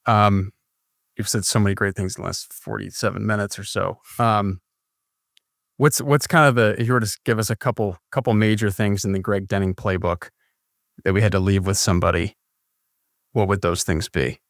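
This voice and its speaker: A man hosting a podcast, talking in a relaxed, conversational way. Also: on the low side, moderate pace, vocal fry, no echo, clean studio sound. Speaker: podcast host. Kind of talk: casual interview chat.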